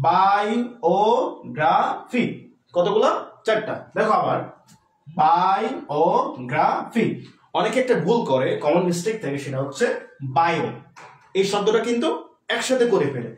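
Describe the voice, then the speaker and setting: A man's voice: sits high, recorded from a distance. A man teaching English for a university admission test in a live online class, talking to students informally and mixing English terms into his explanations. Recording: roomy echo, voice a bit off-mic.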